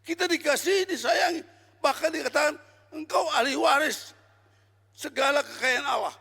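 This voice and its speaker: An older man preaching a sermon as pastor, emphatic and exhorting, often shouting his points. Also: very high voice, normal speed, gravelly. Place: church hall. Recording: long reverb of a hall.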